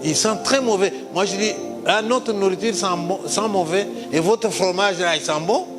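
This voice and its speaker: A middle-aged storyteller with a somewhat high voice, delivering a comic stage monologue in a lively, theatrical manner. His voice rings through a long, reverberant hall, with music clearly present behind him. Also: moderate pace. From Congo.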